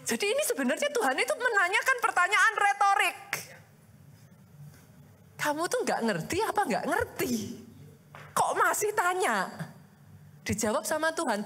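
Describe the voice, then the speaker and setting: Lively high-voiced woman pastor preaching. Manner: lively, conversational preaching with rhetorical questions; addresses the congregation often as "Saudara". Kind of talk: sermon.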